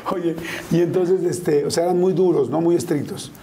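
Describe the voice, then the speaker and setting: A man's voice: a little high, fairly even intonation, moderate pace, mellow, slight background noise. A man with a Mexican accent interviewing a guest, chatty and full of slang. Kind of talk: casual interview.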